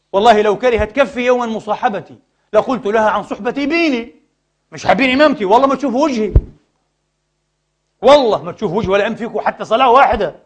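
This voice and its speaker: Man, preacher, sermon lesson, rapid delivery, high voice, impassioned, rhetorical questions. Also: husky. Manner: swings between loud outbursts and low asides.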